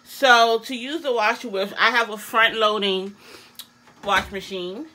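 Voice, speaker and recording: A woman's voice: mid-range voice, steady tone, unhurried, sharp tone, a little hiss or hum, low-quality recording. A woman giving a casual product demonstration, her articulation slightly awkward as she talks with new braces in her mouth. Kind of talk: casual product demo chat.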